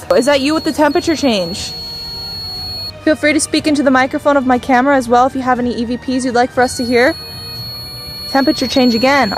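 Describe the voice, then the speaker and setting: A young woman in a casual, chatty ghost-hunting vlog, talking directly to spirits and to her viewers. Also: sits high. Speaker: paranormal vlogger.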